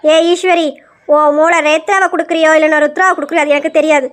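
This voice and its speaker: A woman's voice: high voice, steady tone, quick pace, lightly acted. A woman voicing a defiant middle-aged mother who fiercely stands up for her son against the family. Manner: fierce, confrontational.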